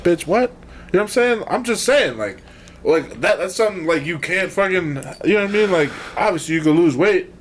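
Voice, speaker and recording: A man's voice: high-pitched, brisk, slight background noise. A young man, a podcast co-host, telling a date story in casual chat, swearing and acting out what was said. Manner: storytelling, animated, swearing, acts out quotes.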